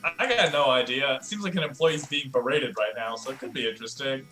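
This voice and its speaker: Bright-voiced man hosting an echoey comedy stream. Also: mid-range voice, fast. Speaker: improv comedy livestream host. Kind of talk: casual chat, joking.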